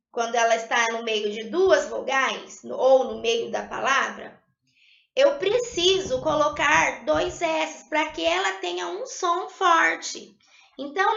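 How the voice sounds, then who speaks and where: A woman teacher with a high, bright voice and a gravelly edge, patiently walking students through spelling rules. She sounds out syllables slowly and clearly. The recording is lo-fi, with a roomy echo. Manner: patient, tags sentences with "tá?". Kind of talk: recorded Portuguese spelling lesson. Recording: lo-fi echoey room.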